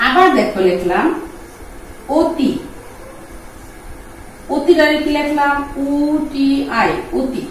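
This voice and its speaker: A woman, teaching pronunciation, patiently repeating words slowly for her students. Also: fairly high pitch, far from the mic, slight background noise. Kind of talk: explaining Bengali pronunciation lesson. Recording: echoey room, voice from off-mic.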